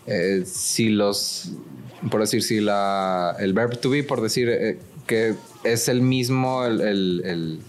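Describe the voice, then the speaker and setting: Male host. Relaxed, slangy, a little halting in casual interview talk. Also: on the low side, slight background noise. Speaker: podcast host.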